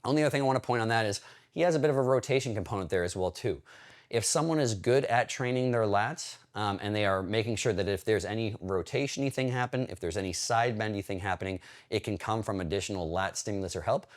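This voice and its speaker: A man working as a hypertrophy coach, casually breaking down a training video in a chatty, explanatory way. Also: fairly low pitch. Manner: chatty, explanatory, talks while pausing and scrubbing video.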